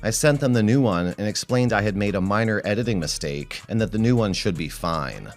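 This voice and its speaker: Low-pitched male story narrator over music. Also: animated, a little fast. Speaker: narrator reading online relationship stories and commenting. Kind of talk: scripted narration of first-person stories.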